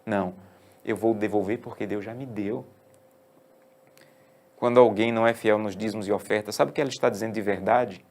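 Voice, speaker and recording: A man preaching a sermon, swinging from hushed, slow phrases to emphatic raised lines. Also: fairly low pitch, fairly even intonation. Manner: preaches with wide swings from hushed to emphatic, slowing on key words.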